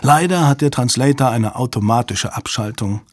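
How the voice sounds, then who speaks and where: A man voicing a calm, controlled male commander in an audiobook, measured and cold. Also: medium pitch, no room sound, studio quality, natural voice. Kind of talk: audiobook character voice.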